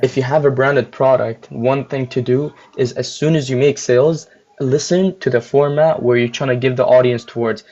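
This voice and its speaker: A man's voice: mid-range voice, fairly even intonation, moderate pace, darkish tone. A young man chatting casually on a livestream as a guest store owner, rambling with lots of filler words while chewing gum. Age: young adult. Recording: muffled lo-fi audio.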